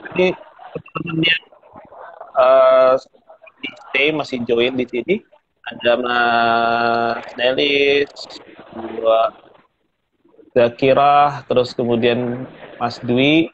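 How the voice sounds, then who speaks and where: A man's voice: mid-range voice, steady tone, drawn-out words, pauses often. A man hosting an online parenting class, chatting casually and affirming often. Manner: agreeable, frequent affirming fillers. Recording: dull lo-fi audio with faint noise.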